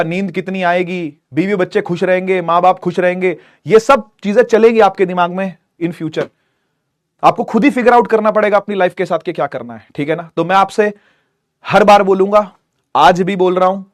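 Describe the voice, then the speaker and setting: A man teaching an online class, giving a lively, preachy, friendly pep talk to students about studying hard. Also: high voice, no room sound, studio quality. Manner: animated, preachy, scolding yet friendly.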